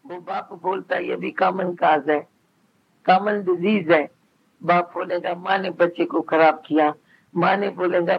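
A man with a high, gravelly voice delivers a spiritual talk to listeners, speaking plainly and slipping into quoted exchanges between parents and children. The recording sounds dull and lo-fi, with a faint hiss underneath. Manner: conversational preaching, quoting others in dialogue. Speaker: spiritual teacher. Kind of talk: satsang discourse.

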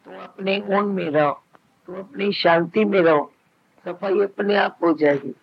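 A man with a high, gravelly voice delivers a spiritual talk to listeners, speaking plainly and slipping into quoted exchanges between parents and children. The recording sounds dull and lo-fi, with a faint hiss underneath. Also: unhurried. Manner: conversational preaching, quoting others in dialogue. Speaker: spiritual teacher. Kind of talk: satsang discourse.

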